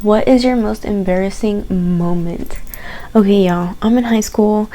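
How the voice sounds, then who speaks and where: Young woman vlogger, mellow and chatty. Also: mid-range voice, measured pace, a little hiss or hum. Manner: candid and animated, swears and says "like" often. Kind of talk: casual chatty storytelling.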